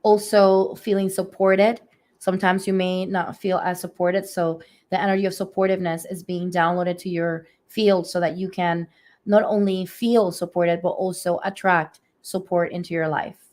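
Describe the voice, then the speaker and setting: This woman, an energy healer, conducts a spiritual reading live on stream via phone or webcam, speaking on the low side with little pitch movement. She's soft and unhurried, slightly hoarse and raspy from allergies, and pauses a lot with gentle fillers.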